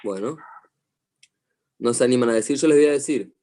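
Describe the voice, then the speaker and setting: A middle-aged man with an Argentine accent, a psychologist teaching a class over a video call, telling stories in a lively way and asking questions. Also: medium pitch, normal speed. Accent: Argentine Spanish. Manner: animated storyteller, asks the class questions. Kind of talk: online lecture to a class.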